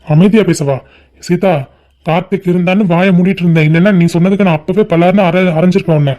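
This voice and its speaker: A man plays a stern middle-aged cartoon father who scolds and barks orders at his family. The voice sits fairly high yet sounds mellow and soft-edged. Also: steady tone, fast, muffled recording, close to an everyday voice. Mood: angry. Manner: scolding, commanding. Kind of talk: cartoon family drama voicing.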